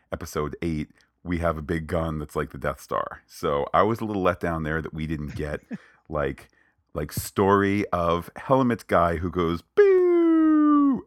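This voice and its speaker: Deep-voiced man riffing opinions on a film. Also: fairly bright tone, dry recording, studio quality. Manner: opinionated, playful, digressive. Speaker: podcast co-host. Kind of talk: casual film review chat.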